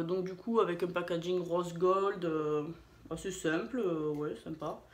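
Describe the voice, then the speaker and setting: A woman chatting casually in a beauty vlog, hesitant, with many fillers and restarts, poking fun at herself. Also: fairly low pitch. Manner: chatty, self-deprecating. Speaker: beauty vlogger. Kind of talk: casual haul and swatch video. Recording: echoey room.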